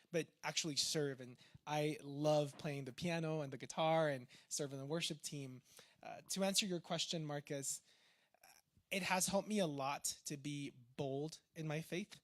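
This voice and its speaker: A young Peruvian-accented man speaks in a chatty, informal way, with a slightly high voice. His sound is close and dry, with no room echo. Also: a bit bright. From Peru. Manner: chatty, informal, full of fillers. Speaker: guest speaker, tech entrepreneur. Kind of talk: conversational talk on faith.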